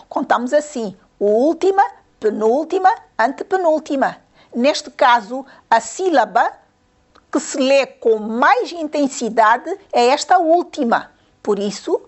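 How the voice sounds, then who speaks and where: A woman teacher giving a grammar lesson to young pupils, patiently repeating questions and counting syllables aloud. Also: on the high side.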